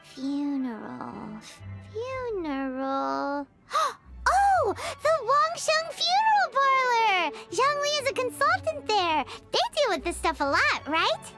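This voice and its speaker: A woman voicing a tiny, chatty, excitable female companion creature who refers to herself by name, in game voice acting over loud music. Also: very high voice, moderate pace, few pauses. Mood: excited.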